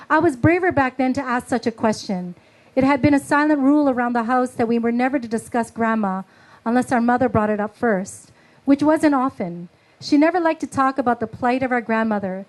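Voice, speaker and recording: A woman's voice: fairly high pitch, rough recording. Woman reading her story aloud. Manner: halting, filler-heavy speech between readings; slow, measured literary reading. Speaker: author reading her work. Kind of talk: book reading. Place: book launch event.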